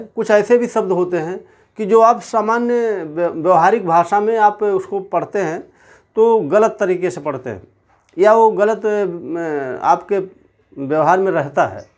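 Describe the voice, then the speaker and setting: High-voiced Hindi-speaking male teacher. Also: measured pace. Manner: steady explanatory, addresses viewers directly. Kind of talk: exam-prep lecture.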